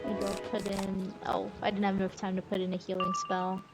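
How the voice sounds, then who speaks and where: A woman streamer with a mid-range voice talks fairly quickly in a completely flat delivery, thinking aloud as she plays. Her gameplay commentary is casual and easygoing, with game music in the background.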